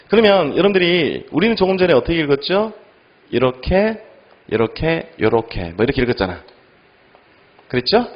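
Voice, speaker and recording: Animated man drilling an English class. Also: dull audio. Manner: drills students with quick questions, then answers them; animated, lively pitch. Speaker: English teacher. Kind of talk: online exam-prep lecture.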